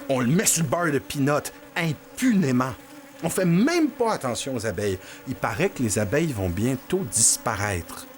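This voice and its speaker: A man's voice: medium pitch, a little hiss or hum. A man with a Québécois accent telling an improvised story to children, playful and talking straight to his young listeners. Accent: Québécois French. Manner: animated, playful, talks to the children directly.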